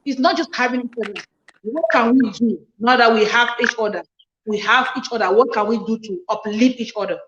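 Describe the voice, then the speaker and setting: A woman's voice: fairly high pitch, a little fast, fairly bright tone, roomy sound, highs cut off, slight background noise. A woman hosting a casual livestream chat, reading viewer comments aloud and answering them earnestly, often repeating phrases for emphasis. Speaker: livestream host.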